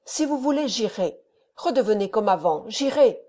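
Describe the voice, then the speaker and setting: A woman's voice: a little high, animated, normal speed, mellow. A woman voicing a frightened young woman who pleads in a raised, tearful tone. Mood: pleading.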